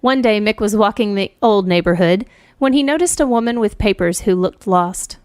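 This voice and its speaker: A woman's voice: mid-range voice, normal speed, darkish tone, smooth, no echo. Dry-voiced woman reading a wry story. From United States. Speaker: writer reading her story. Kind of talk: reading a personal essay.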